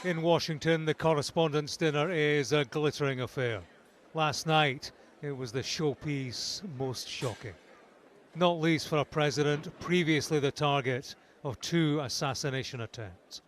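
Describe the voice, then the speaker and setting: A man reporting on location from inside a large hotel ballroom, describing events in a measured way. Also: a little high, slight background noise. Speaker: news correspondent.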